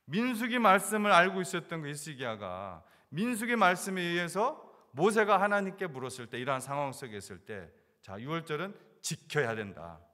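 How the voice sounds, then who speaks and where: A man's voice: high-pitched, sing-song, brisk, hardly any pauses, bright, forceful tone, in a large hall. A male pastor preaching a sermon, asking the congregation questions and repeating key words for emphasis. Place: church sanctuary.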